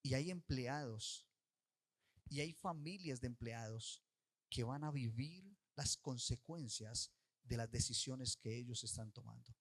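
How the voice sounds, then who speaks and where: A man pastor preaching a sermon. He tells a story and urges his listeners, with sudden shifts between loud and soft. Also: mid-range voice, a little slow, slightly rough.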